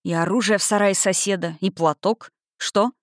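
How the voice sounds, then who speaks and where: A woman's voice: medium pitch, fairly even intonation, normal speed, no echo, studio quality, lightly acted. A woman voicing a self-assured male investigator with a teasing manner in an audiobook. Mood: brisk.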